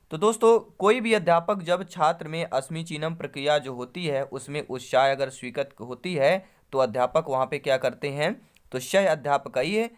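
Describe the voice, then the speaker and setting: A man's voice: a little high, clean tone. A man teaching an exam-prep lesson, reading Sanskrit options and explaining them in Hindi while addressing viewers as friends.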